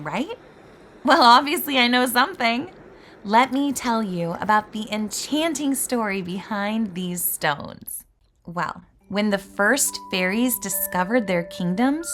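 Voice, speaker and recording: A woman voices a fairy student in amateur roleplay, making the character excitable, nerdy and playful. Her pitch is medium, and she tells her story dramatically and eagerly.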